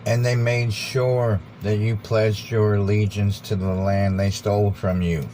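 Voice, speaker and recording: An American man giving an informal, rambling monologue, earnest and deliberate, repeating phrases for emphasis. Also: little pitch movement, mellow. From United States. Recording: background noise with vehicle rumble.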